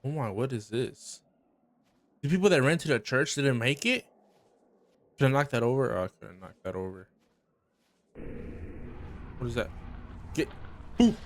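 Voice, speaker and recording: A man's voice: medium pitch, sing-song, measured pace, long pauses. A man giving let's play commentary on a game, reacting with startled exclamations and chuckles. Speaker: gamer.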